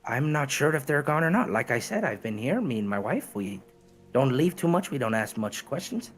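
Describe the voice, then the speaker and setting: A man's voice: mid-range voice, sing-song, normal speed, pitched above the performer's own voice, natural voice. Casting: humble, obliging carpenter played by a man, hammy folksy drawl, tabletop fantasy role-play, faint music underneath. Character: humble working carpenter, married village shopkeeper, folksy and obliging.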